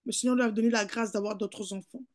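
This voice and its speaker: A woman pastor giving a fervent sermon, repeating calls of hallelujah and beloved, swinging between emphatic peaks and soft asides. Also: on the high side, fairly even intonation, quick pace. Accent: French.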